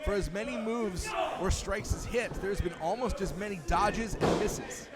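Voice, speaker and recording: High-pitched male wrestling commentator over loud noise. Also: moderate pace. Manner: wrestling commentator delivery, dramatic and wordy. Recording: loud background noise at live event.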